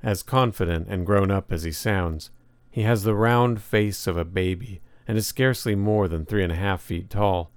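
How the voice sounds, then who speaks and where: A man reads nonfiction aloud in a measured, reflective manner. His voice sits very low and is recorded dry and close, with no room around it. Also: no echo. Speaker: narrator. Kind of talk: audiobook narration of nonfiction.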